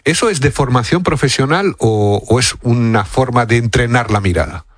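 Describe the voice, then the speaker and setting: A man's voice: medium pitch, expressive, moderate pace, dry recording. A man hosting a radio interview in a studio, asking curious, prompting questions of his guest. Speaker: radio host.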